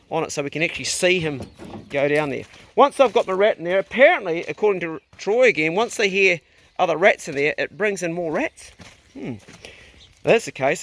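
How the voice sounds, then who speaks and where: Higher-pitched man, broad Kiwi accent. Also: slight background noise. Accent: broad New Zealand. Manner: blokey, sweary, colloquial. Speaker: outdoor vlogger. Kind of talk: casual vlog, thinking aloud while demonstrating.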